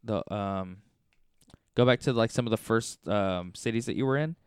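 A man's voice: fairly low pitch, moderate pace, clear, resonant tone, no echo, clean studio sound. A man co-hosting a casual gaming podcast, blunt and jokey, swearing freely. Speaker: podcast co-host.

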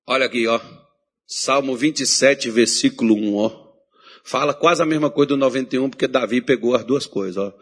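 A man's voice: medium pitch, moderate pace, breathy edge. A man preaching a sermon, telling a story and acting out the voices of the people in it.

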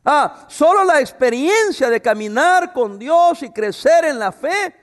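Man, pastor mid-sermon, high voice, expressive delivery, long hall echo. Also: unhurried. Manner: expressive preaching with asides. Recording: reverberant hall.

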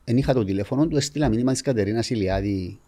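A man's voice: mid-range voice, dark tone. A mild-toned man with a Cypriot Greek accent, chatting casually as a podcast guest.

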